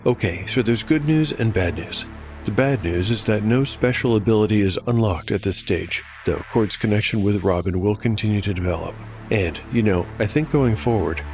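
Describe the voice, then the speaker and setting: Acting as the lone game master, a man with a fairly low voice narrates a dark fantasy audio drama, mixing scripted storytelling with game commentary. Music is plainly audible behind him, and crickets chirp too.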